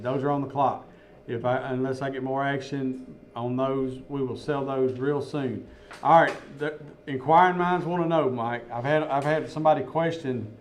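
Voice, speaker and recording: A man's voice: on the high side, slight background noise. Folksy man calling radio auction bids. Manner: folksy, chuckling, reads bids off quickly. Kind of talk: live radio auction chat.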